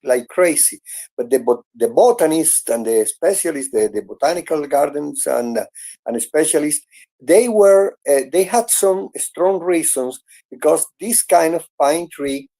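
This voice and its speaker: A man's voice: fairly high pitch, lively intonation, measured pace, dark tone. A man, hosting a casual live audio chat and telling an earnest, encouraging story. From Venezuela. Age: 60s. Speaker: host.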